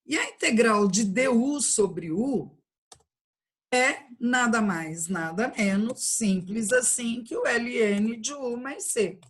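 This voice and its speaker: A woman's voice: fairly high pitch, slow, slightly rough. A woman with a Brazilian accent teaching an online calculus class, patiently explaining each step and checking in with her students. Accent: Brazilian Portuguese. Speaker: math teacher.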